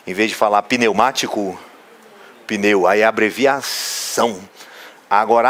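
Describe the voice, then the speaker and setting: Brief: male grammar teacher, mid-pitched voice, playful, asks questions and answers them himself. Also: a bit bright. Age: adult, father of a young son. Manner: jokey asides and playful anecdotes. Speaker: Portuguese teacher. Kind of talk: recorded online class lecture.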